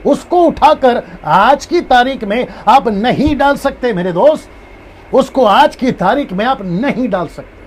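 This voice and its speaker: A man's voice: very high voice, lively intonation, a little slow, slight background noise. A man preaching as a pastor in a live-streamed Bible teaching, who repeats his key points and acts out different tones of a phrase.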